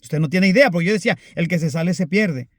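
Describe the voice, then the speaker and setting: A man preaching a sermon, earnest and repetitive, calling his listeners brothers, with emphatic rises and quiet asides. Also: high voice, fast, dry recording, studio quality.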